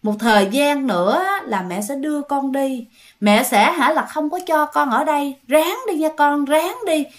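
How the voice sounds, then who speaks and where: A woman's voice: sits high, lively intonation, moderate pace, a bit bright. A woman voicing a long-armed female tree ghost who poses as a mother, drawing her words out in a cooing way. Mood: coaxing.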